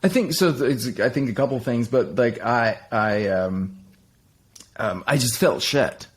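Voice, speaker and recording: In a fairly low voice with a breathy edge, a middle-aged Dane reflects candidly on his life as an interview guest. He often restarts and leans on fillers.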